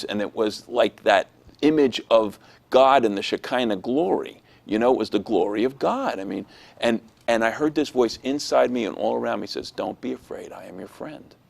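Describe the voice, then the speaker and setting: A man telling a personal testimony in an interview, animated and acting out the voices of people he quotes. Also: medium pitch, normal speed, creaky.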